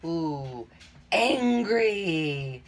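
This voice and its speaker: A middle-aged woman teacher with a deep voice draws out her words as she reads a picture book aloud to young children, with a faint hiss or hum in the background. She reads expressively, acting out feelings with emphasis and whispers and adding chatty asides. She's indoors in a small, cluttered room at home.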